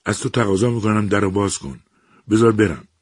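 A man's voice: lowish voice, sing-song, darkish tone, husky, no echo, studio quality, voice pushed up. A man voicing a frightened young woman who is trapped and pleads anxiously. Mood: frightened, pleading.

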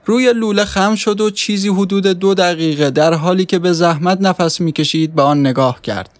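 Male audiobook narrator, steady storytelling, slightly high, dry close mic. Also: no room sound.

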